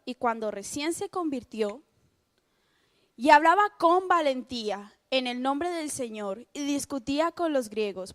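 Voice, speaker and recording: Lively young woman from Spain preaching. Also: high-pitched. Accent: Spain Spanish. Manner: lively, chatty, self-mocking, laughs often. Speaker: youth speaker. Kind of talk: youth sermon.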